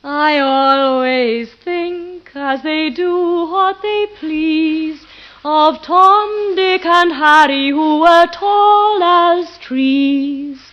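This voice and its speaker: A woman playing a lovelorn young village woman in a 1950s radio play, singing a slow, wistful ballad. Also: high-pitched. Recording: dull old radio broadcast with faint music.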